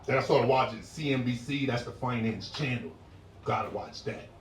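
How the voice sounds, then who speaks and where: This is a stand-up set by a man in his forties, relaxed and conversational in his storytelling yet erupting into loud, shouted impressions. He has a medium-pitched voice at a moderate pace, recorded from some distance in a roomy space.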